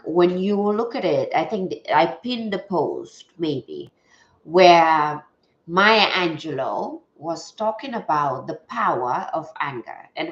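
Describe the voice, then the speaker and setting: Greeting viewers during a casual livestream from a home setup at a table, this chatty, stuffy-nosed woman has a low voice with a bit of brightness. The room is echoey and the recording dull and lo-fi.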